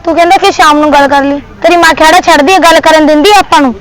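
A woman's voice: high-pitched, fairly even intonation, faint music behind, low-quality recording. An actress playing an angry young woman with a Punjabi accent, confronting her boyfriend outdoors by a street in a short film. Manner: sharp, confrontational, fast retorts. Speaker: girlfriend.

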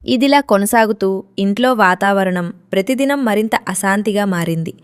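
A woman narrating a moral story in an expressive, steady storytelling manner. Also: mid-range voice, clear, resonant tone.

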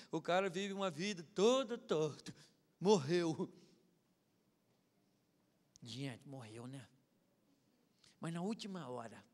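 Male pastor, high and bright, preaching animatedly in a reverberant church hall. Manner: animated, mimics others, swings from shouting to muttering. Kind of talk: humorous evangelical sermon.

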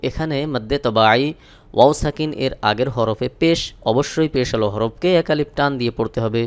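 A man from Bangladesh teaching Quran recitation, spelling out each syllable slowly and chanting the verses. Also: medium pitch, clear, resonant tone.

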